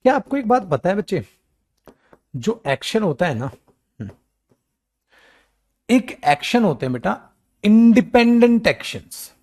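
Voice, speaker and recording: An unhurried male voice with frequent pauses belongs to an English teacher preparing students for government exams. Lecturing on grammar in Hindi with English examples, he's lively, lovingly scolding and coaxing the class, calling them "beta," and mocking whiny students in a low, weak tone.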